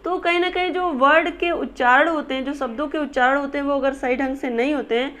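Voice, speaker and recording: High-voiced woman teaching an exam lesson. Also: fairly even intonation, brisk, fairly bright tone. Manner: explains step by step, repeats and rephrases points. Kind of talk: recorded exam-prep lesson.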